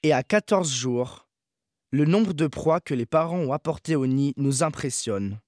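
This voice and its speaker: A man narrating a nature documentary from a script, in a measured, factual, observational manner. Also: on the high side, animated, a little mellow, dry recording, studio quality.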